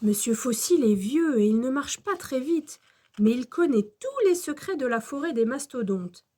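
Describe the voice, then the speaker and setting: A woman storyteller reading a children's storybook aloud in a slow, gentle manner. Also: sits high, animated.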